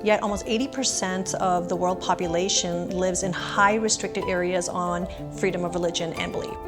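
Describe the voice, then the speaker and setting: A woman's voice: fairly low pitch, steady tone, normal speed. Earnest woman from Afghanistan over music. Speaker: business owner and nonprofit director. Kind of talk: documentary testimony over music.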